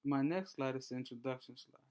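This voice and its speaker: A man in his twenties from Honduras, giving a class presentation and reading through his slides in a measured way with small restarts. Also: mid-range voice, a little mellow. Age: 20s. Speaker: student presenter.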